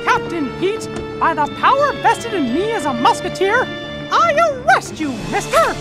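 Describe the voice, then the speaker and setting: Cheerful cartoon mouse hero, squeaky falsetto, bouncing pitch, game music under. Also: male voice, big pitch swings, normal speed. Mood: earnest. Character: cheerful plucky cartoon mouse musketeer, male.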